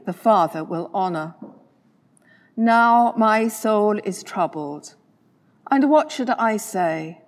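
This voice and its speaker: Woman reading slowly in cathedral echo. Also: mid-range voice. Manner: measured and solemn, with dropping phrase endings. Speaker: gospel reader at a church service. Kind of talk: slow formal liturgical reading. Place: large church. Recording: long reverb of a large church.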